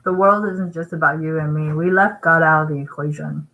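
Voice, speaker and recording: A woman's voice: low voice, fairly even intonation, brisk, bright, forceful tone, low-quality recording. A woman from Vietnam talking casually to her vlog audience, rambling and emphatic, tagging her points with "right?" and eating while she talks. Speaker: vlogger.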